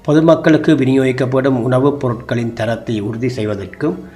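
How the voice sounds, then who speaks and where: A man's voice: mid-range voice, fairly even intonation, normal speed, warm tone. A man with a Sri Lankan Tamil accent reading scripted news in a formal manner. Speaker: news reader. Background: music.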